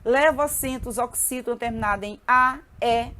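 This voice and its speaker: A woman teaching a grammar lesson, spelling out letters slowly and often checking in with her students. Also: fairly high pitch, a bit bright, slight background noise.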